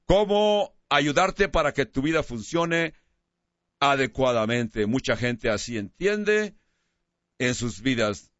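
A man preaching a sermon as a pastor, slowing down to stress key words. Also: mid-range voice, expressive, a bit bright, no echo, lo-fi sound.

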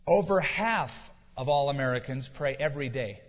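A man's voice: mid-range voice, expressive, moderate pace. A man preaching a sermon as pastor, telling stories and building to emphatic questions. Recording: dull lo-fi sound with long hall reverb.

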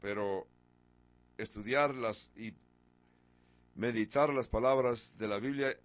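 A man's voice: mid-range voice, slow. A man in his sixties preaching a sermon, firing off rhetorical questions and pushing certain words with sudden emphasis. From from abroad, a country once ruled by an emperor. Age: 60s.

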